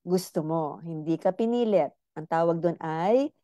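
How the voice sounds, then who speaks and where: A woman's voice: lowish voice, measured pace, warm tone, no room sound. A middle-aged woman doctor giving a casual, playful health lecture, teasing her listeners and speaking to them directly.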